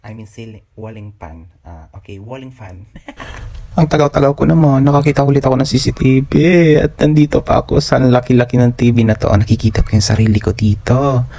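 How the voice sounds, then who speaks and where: A man's voice: mid-range voice, brisk, vocal fry, mellow, a little hiss or hum. A man narrating a grocery vlog in a joking, self-mocking way, laughing often. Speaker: vlogger. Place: indoors at a grocery store.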